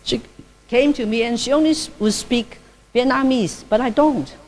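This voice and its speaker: Speaking at a normal speed in a slightly high, darkish voice, this Cantonese-speaking nun chats warmly through an informal dharma talk with a friendly lilt. She laughs readily and keeps adding "okay?". She is also a publications director.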